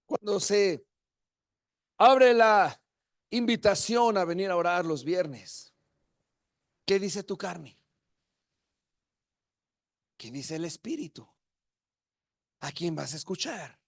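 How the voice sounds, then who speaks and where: A man preaching in with a very high voice, his delivery rising from quiet, searching questions to full shouts of praise. The sound is close and dry, with no room around it. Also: slow pace, long pauses, dry recording. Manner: impassioned, swinging from hushed to shouted. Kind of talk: sermon.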